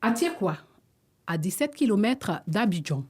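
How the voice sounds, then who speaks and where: Female reporter, Ivorian French accent, dark mellow tone, formal narration. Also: mid-range voice, very animated, measured pace, slight background noise. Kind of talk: news report voice-over.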